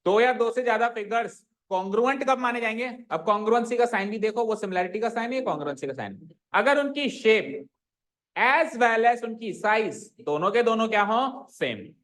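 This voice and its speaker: A man's voice: sits high, lively intonation, moderate pace, fairly bright tone. A male math teacher speaks to his class in a room full of students. He explains step by step, firing questions and making pupils repeat answers. His speech slips English technical terms into everyday phrasing. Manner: quizzes students, makes them repeat answers. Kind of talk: classroom lesson.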